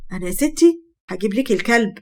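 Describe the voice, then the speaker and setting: A woman voicing a jealous, violent young husband in an Egyptian Arabic accent, with a fast, harsh, bullying manner. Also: mid-range voice, big pitch swings, a little mellow. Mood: coaxing.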